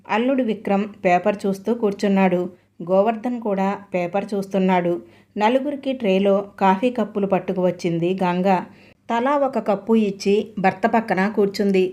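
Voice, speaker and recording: Lady reading a story aloud, steady, mid pitch. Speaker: audiobook narrator. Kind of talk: scripted story narration.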